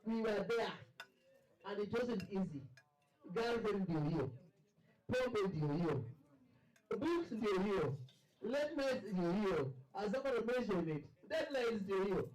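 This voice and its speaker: A man's voice: high-pitched, lively intonation, slow pace, pauses often, a little mellow. A man with a Kenyan accent giving an earnest, repetitive congratulatory speech at a party. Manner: earnest, repetitive, ends with a blessing. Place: party venue. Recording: echoey room.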